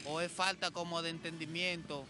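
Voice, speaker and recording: A man's voice: fairly high pitch, little pitch movement, moderate pace, background noise. A man chatting casually on a podcast, telling personal stories and checking that his listener follows along. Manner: tells personal anecdotes, often asks "you know?". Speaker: podcast co-host. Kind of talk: casual chat. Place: outdoors beside a street, people nearby.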